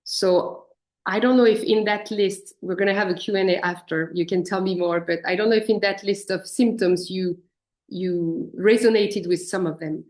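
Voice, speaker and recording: A woman's voice: mid-range voice, fairly even intonation, moderate pace, darkish tone. Reflective woman coach giving a church talk. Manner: reflective, invites listeners to picture their own experience. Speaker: guest speaker and leadership coach. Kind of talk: guest talk to a church congregation. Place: speaking remotely from abroad.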